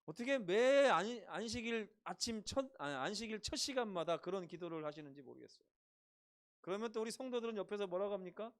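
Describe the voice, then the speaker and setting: A pastor over fifty preaching a sermon, acting out quotes with dramatic rises and drops in loudness. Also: male voice, animated, a little fast. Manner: dramatic, acts out quotes with big swings in pitch and loudness.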